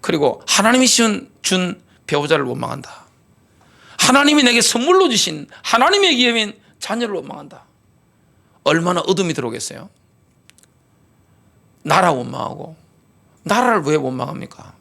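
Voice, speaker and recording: A man's voice: sits high, very animated, moderate pace, creaky, pauses often, pushed and bright. A middle-aged man preaching a sermon as pastor, driving points home with rhetorical questions and repetition. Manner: repetitive call-and-response delivery.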